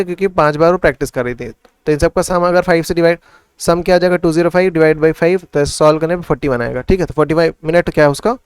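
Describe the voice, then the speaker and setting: Maths tutor, male, slightly high crisp voice, talks through sums in Hindi-English, dry close recording. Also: no room sound. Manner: asks and answers his own questions. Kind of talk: casual classroom explanation.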